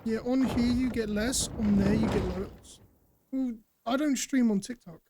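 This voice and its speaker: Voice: mid-range voice, fairly even intonation, measured pace, dark tone, slight background noise. Streamer loose, chatty commentary, frequent laughs. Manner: chatty, rambling, laughs often. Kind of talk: casual gameplay commentary.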